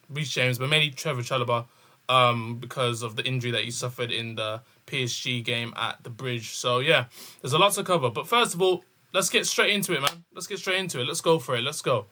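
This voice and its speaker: A man's voice: medium pitch, sharp tone. A young man with a London accent and urban street slang, giving casual football commentary as a channel host, repeating phrases for emphasis.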